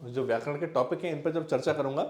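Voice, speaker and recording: A man coaching students for an exam, explaining step by step in a loose conversational way with many examples and fillers. His voice sits a little higher than most men's. The room gives his voice a noticeable echo. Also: fast. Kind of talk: explanatory exam-prep talk.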